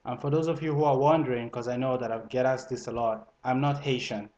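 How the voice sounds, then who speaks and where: A man's voice: mid-range voice, fairly even intonation, fast talker, darkish tone, poor audio. Man with a mixed Italian-French accent. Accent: multilingual, Italian and French mixed into English. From Italy. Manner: conversational, frequent fillers and restarts. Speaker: vlogger. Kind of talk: casual advice monologue to camera.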